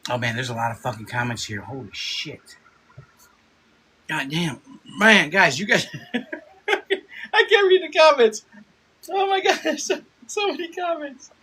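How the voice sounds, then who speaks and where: At a measured pace with frequent pauses, a man in his fifties livestreams from his Chicago home on a phone, his high voice animated and sharp. The food content creator rambles, repeats himself and swears while reading comments, with slight noise behind him.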